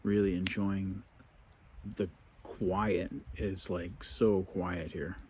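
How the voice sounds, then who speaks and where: A man with a deep, low voice narrates a solo camping vlog. He muses casually and without hurry, as if thinking aloud. The recording is made outdoors, with light ambient noise behind him. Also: little pitch movement, darkish tone. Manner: unhurried, musing, talking to himself. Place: outdoors at a woodland campsite and in a tent.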